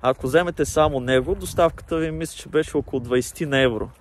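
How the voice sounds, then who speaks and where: A young man talking through a face mask as he casually reviews gear, explaining things plainly with pauses and fillers. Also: on the high side, slight background noise.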